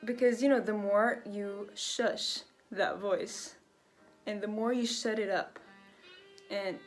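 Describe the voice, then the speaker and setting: Speaking slowly in a mid-range voice with fairly even intonation, a young woman records a casual, reflective vlog. She rambles and fills her thoughts with lots of fillers, with faint jazz music behind her.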